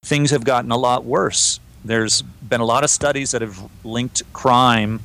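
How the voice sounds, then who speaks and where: A man co-hosting a podcast, chatting in a relaxed way and reading listener emails aloud. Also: mid-range voice, a little slow, gravelly. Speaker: podcast co-host. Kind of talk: casual podcast discussion.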